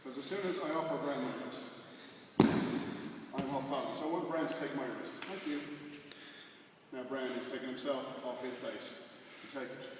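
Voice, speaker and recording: Male martial arts coach, casual explainer with clipped commands, recorded at a distance in a reverberant hall with clear background noise. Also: medium pitch, fairly even intonation, normal speed, long pauses. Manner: short, clipped instructions. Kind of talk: hands-on class demonstration with casual explanation. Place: large echoey indoor training hall. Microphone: distant camera microphone.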